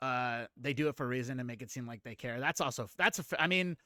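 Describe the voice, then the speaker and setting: A man's voice: mid-range voice, fast, pushed and bright, no room sound, studio quality. A man in his late thirties hosting a casual livestream chat, rambling, laughing often and greeting viewers. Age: 30s. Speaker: streamer host.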